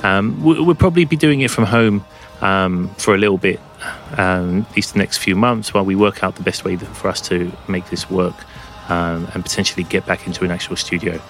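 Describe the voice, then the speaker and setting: Deep voiced guy doing a casual music show from under a blanket at home, bit rambly and keen, music in the back. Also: fairly even intonation, brisk. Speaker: podcast host and DJ.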